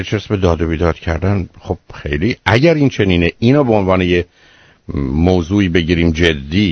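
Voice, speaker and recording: A man hosting a radio call-in show as a psychologist, giving blunt, lecturing advice to a caller. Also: dry recording. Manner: blunt, lecturing, rises in pitch when exasperated. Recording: muffled radio broadcast, dry studio.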